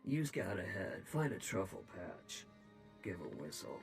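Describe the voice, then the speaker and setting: An actor voicing a gruff, curt Orc clansman in a video game, his voice echoing hollowly inside a helmet. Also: sits low, very animated, a little slow, heavily acted. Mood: gruff, matter-of-fact. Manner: curt, blunt, reluctant. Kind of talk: video game character dialogue. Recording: game music behind the voice.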